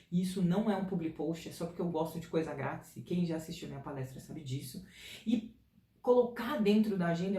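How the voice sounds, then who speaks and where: A Brazilian woman career-advice vlogger talks to camera in a casual, chatty, informal way, giving direct advice. Her voice is fairly low, mellow and a little dark. She sits far from the mic in a noticeably echoey room.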